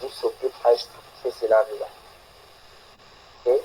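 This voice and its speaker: Slow male teacher. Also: mid-range voice, flat delivery, dark tone, a little hiss or hum, low-quality recording. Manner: slow, repeats example words deliberately. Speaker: English pronunciation teacher. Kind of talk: online phonetics lesson. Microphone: video call.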